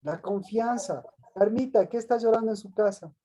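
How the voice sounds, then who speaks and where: A male pastor leads a call-and-response Bible lesson, reading scripture aloud and firing questions at his listeners by name. His voice sits fairly high yet sounds mellow and soft-edged. He repeats each answer back before pressing on. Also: normal speed. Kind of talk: interactive Bible teaching with questions to the congregation.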